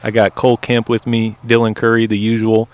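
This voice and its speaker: A man's voice: on the low side, completely flat delivery, fairly quick, a little mellow, dry recording. A man hosting a casual podcast chat, recorded outdoors by a campfire. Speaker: podcast host. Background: running generator.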